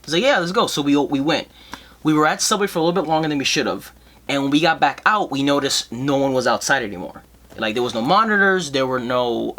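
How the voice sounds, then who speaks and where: A young man co-hosting a casual podcast chat, telling school stories in an animated way, swearing often and laughing. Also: medium pitch. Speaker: podcast co-host.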